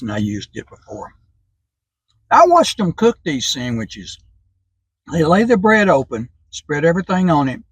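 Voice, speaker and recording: A talkative man reviewing a sandwich on his own vlog, his pitch jumping up and down as he chats between bites. His voice is a little husky, and it sounds dry and close. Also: dry recording. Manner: chatty, eats and talks between bites. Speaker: food reviewer. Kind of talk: casual food taste-test vlog.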